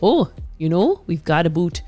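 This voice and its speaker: A woman doing a halting, folksy caricature of a Canadian neighbor. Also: on the low side, very animated, mellow, voice pushed down. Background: faint background music.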